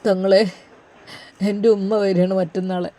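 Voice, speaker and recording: Narrator doing an anxious, pious young husband. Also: male voice, high-pitched, monotone, normal speed, dark tone, natural voice. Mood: sorrowful. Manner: earnest, pleading prayers. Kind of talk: storybook narration, inner monologue.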